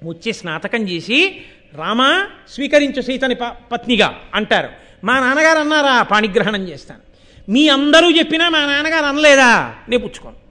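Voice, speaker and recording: A man's voice: extremely high pitch, big pitch swings, moderate pace, bright, forceful tone, heavily acted. A man speaking the part of a young prince who firmly defers to his father, inside a religious story. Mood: earnest. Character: young prince, calm and firm about duty.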